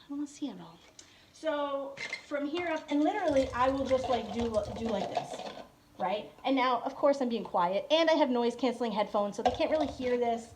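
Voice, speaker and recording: A woman's voice: sits high, a little hiss or hum. A woman who teaches English online gives a casual tour of her home classroom setup and keeps talking straight to her viewers. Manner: chatty, keeps addressing viewers with y'all and right.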